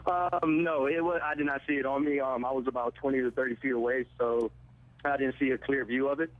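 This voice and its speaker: Casting note: young male caller, mid-pitch, halting speech, tinny phone-line sound. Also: fairly even intonation, dry recording. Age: 20s. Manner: hesitant, halting recollection. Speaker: student eyewitness on the phone.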